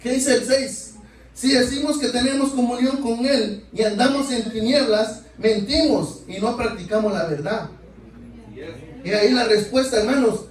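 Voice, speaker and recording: Male preacher, very high voice, heard from a distance in a reverberant sanctuary, sermon delivery full of "brothers" and questions. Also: moderate pace. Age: adult. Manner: keeps addressing listeners as brothers, asks rhetorical questions. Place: church sanctuary. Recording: echoey church, mic far off.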